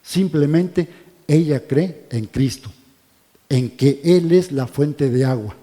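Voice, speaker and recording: A man leading a church Bible study, often asking the listeners questions and dropping to soft, quiet tones on solemn points. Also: on the high side, slow. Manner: asks the congregation questions, checks in with "¿verdad?". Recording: long reverb of a church hall.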